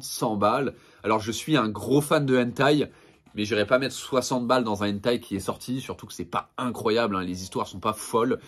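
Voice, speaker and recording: Homme enthousiaste qui présente sa collection. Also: male voice, mid-range voice, fairly bright tone. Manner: enthusiastic, many fillers and restarts. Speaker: manga collection reviewer. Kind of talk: casual product showcase vlog.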